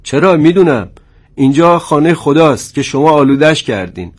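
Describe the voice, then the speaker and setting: A man voicing a wounded army captain who protests forcefully and stays defiant. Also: fairly high pitch, animated, pitched above the performer's own voice. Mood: indignant.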